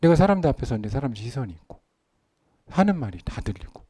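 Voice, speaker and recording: Dark-voiced pastor, loud then whispering. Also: male voice, mid-range voice, very animated, fast talker, breathy edge, no echo. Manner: swings from loud emphasis to hushed whispers. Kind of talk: sermon.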